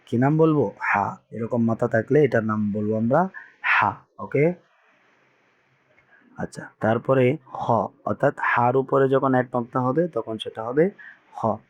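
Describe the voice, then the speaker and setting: A man's voice: medium pitch, unhurried, long pauses, muffled recording. A man teaching Quran reading to beginners, patiently repeating each letter sound for learners to echo. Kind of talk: teaching Arabic letters with call-and-response drills.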